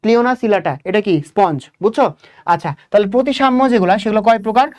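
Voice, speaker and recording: A man's voice: sits high, fast talker, darkish tone. A young man giving an exam coaching lecture on biology. He asks the class questions, answers them himself, and repeats key points. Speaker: biology teacher.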